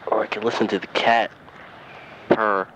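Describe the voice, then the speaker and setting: A man's voice: fairly low pitch, flat delivery, moderate pace. A man keeping a personal audio diary on a dictaphone tape recorder, talking in a weary, sighing, rambling way. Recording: lo-fi tape recorder with background noise.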